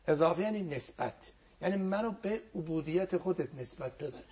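A man's voice: fairly high pitch, expressive, a little mellow, slightly rough. A man giving a religious talk as a guest on a program, teaching earnestly and quoting Arabic prayers, his voice sometimes sinking to a near whisper.

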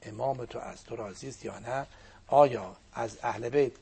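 An older man, a cleric whose first language is Azerbaijani Turkish, telling religious stories in an animated preaching manner with a husky, gravelly voice. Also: medium pitch. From Turkic-speaking region of Iran. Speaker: cleric guest speaker. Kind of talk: religious storytelling talk.

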